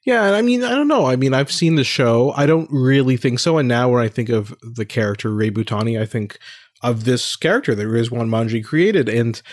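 A male interviewer asks questions and chats casually, hedging his opinions. His voice is mid-pitched, and the recording is dry and close. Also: animated, a little fast, no echo.

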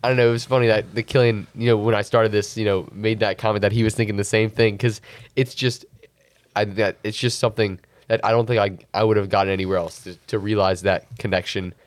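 A man's voice: fairly low pitch, fairly even intonation, fast, no echo. A young man in his late teens co-hosting a student podcast, talking in a reflective, earnest way with lots of "you know" fillers. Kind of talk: casual podcast chat.

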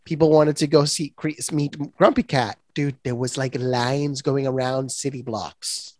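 A man from Puerto Rico co-hosting a podcast in casual chat, animated and acting out reactions. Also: measured pace, no echo. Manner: animated, acts out reactions in shrill voices. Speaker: podcast co-host.

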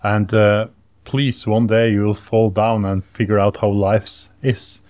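A Norwegian man co-hosting a podcast, speaking English hesitantly with many pauses and fillers. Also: on the low side, level tone, darkish tone, no echo. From Norway. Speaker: podcast co-host. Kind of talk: casual podcast chat.

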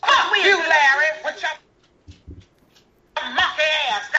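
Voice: extremely high pitch, lively intonation, slow pace, pushed and bright. A voice in a short clip that is played from a phone held up to a microphone, throwing a laughing, taunting insult. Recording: tinny phone-speaker re-recording in a roomy space.

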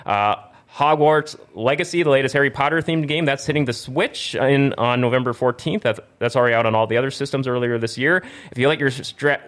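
A podcast host with a mid-range, slightly bright voice runs a casual video game talk show, reading news, plugs, and sponsor spots. He rambles, frequently tripping over words and correcting himself.

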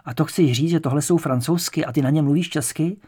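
A man reading an audiobook, voicing a brash, loud and teasing male poet character. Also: a little high, slightly rough, dry recording. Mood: boisterous.

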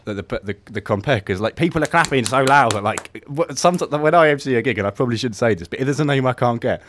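Radio host with a lively, bouncy delivery and an easy, joking manner. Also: male voice, mid-range voice, fast talker, slight background noise. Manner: chatty, laughing, self-deprecating. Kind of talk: casual chat.

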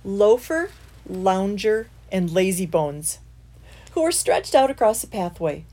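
A woman reading a bedtime story aloud to children, hushed and sometimes dropping to a whisper. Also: fairly low pitch, very animated, measured pace.

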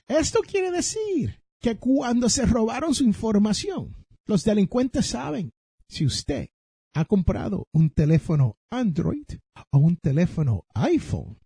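A Puerto Rican man hosts a finance podcast and tells his stories with energy, speaking straight to his listeners. His voice sits high, with a mellow, husky tone. The sound is close and dry. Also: dry recording. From Puerto Rico. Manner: animated storytelling, addresses listeners directly. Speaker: podcast host. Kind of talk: personal finance talk.

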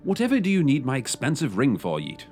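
A man's voice: mid-range voice, huge pitch swings, fast, a little mellow, faint music behind. A man playing a pompous, scatterbrained detective in a comedy audio drama, delivering his lines with theatrical flair. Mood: pompous dotty. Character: pompous, dotty male detective.

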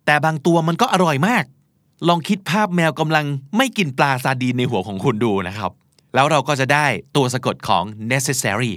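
A man teaching spelling in a relaxed, conversational way, with a pitch that rises and falls a lot. He spells words out letter by letter and explains each step patiently and politely. His voice sounds dry and close, with no room echo. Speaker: host teaching English spelling. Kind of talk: casual spoken lesson.

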